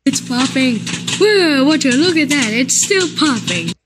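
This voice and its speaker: Woman, high voice, childlike cooking steps, noisy homemade recording. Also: very animated, unhurried. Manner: childlike, step-by-step narration. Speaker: cooking video creator. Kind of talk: amateur cooking demonstration.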